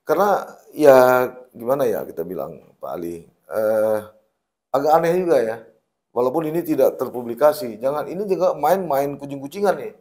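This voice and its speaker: A man's voice: mid-range voice, lively intonation, normal speed, darkish tone. Probing male interviewer, hesitant. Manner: probing, thinking aloud with hesitations. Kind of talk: conversational interview.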